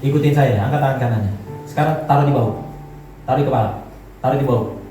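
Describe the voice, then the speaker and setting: A pastor with a medium-pitched, mellow voice speaks quickly, delivering a joking, conversational sermon and leading his congregation in gestures. The recording comes from a large church hall, so it's echoey, with his voice sounding distant and faint music behind him.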